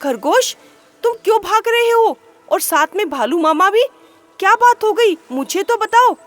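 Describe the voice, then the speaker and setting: Woman putting on a sly fox, prying questions, high voice, storybook. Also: expressive, a little slow. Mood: curious. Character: sly, curious female fox. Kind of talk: storybook character voice.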